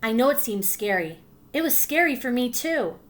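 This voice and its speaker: In a slightly high, very animated voice, a woman reads her class a picture book. She pauses to explain and check understanding, keeping her tone warm and encouraging throughout.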